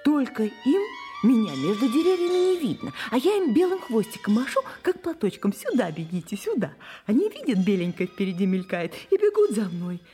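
A woman voicing a gentle, anxious mother deer in an audio fairy tale, soft and breathy. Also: fairly high pitch, big pitch swings, fairly quick, hardly any pauses, soft background music. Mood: anxious, tender.

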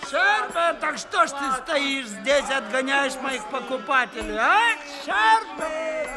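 An actor playing a grumpy market sherbet seller who shouts at a boy. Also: very high voice, big pitch swings, slow, heavily acted. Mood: hawking. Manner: gruff hawking. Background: music.

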